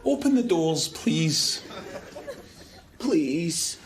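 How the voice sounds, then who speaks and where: An exasperated Scottish lift rider. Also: male voice, fairly high pitch, sing-song, extremely slow, a crowd in the background, background noise, full character voice. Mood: frustrated. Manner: bickering, ends up shouting in rage. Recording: sitcom clip, roomy, audience laughter.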